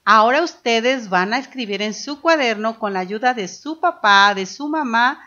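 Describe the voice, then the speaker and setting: A woman's voice: fairly high pitch, expressive, moderate pace, pushed and bright, highs cut off. A woman teacher giving a children's phonics lesson, patiently sounding out letters and syllables one by one.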